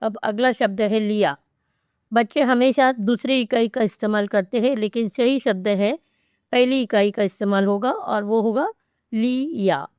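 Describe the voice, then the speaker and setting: A woman teacher walks through a spelling lesson, breaking each word into its parts at a very unhurried pace. Her voice sits a little high and sounds smooth and clear. The recording is close and dry. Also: a little mellow, no room sound. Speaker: Hindi teacher.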